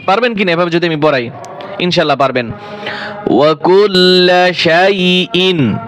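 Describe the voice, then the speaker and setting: High-voiced man spelling out Quran letters. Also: animated, a bit bright, low-quality recording. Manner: spells letter by letter, then recites slowly and drawn out. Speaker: Quran teacher. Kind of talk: spelling-out Quran recitation lesson.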